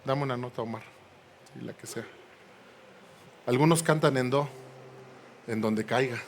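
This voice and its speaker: Pastor guy preaching in church, swings loud and soft, asks the crowd to repeat after him, faint hum behind. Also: mid-range voice, measured pace. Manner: preaching with rising emphatic phrases and call-and-response prompts; playful asides to the congregation. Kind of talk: sermon. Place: church sanctuary.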